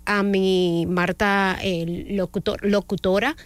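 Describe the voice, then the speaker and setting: A woman's voice: mid-range voice, little pitch movement, takes it slowly, no echo. A woman from the Dominican Republic with a Dominican Spanish accent, hosting a morning music radio show in a chatty way, with fillers and self-corrections. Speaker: radio host.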